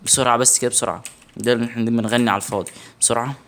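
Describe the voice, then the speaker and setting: An excitable young man with an Egyptian Arabic accent, giving let's-play commentary on a horror game, yelping in alarm and muttering to himself. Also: mid-range voice, very fast. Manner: excitable, shouts in alarm, mutters under breath. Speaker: gaming channel host.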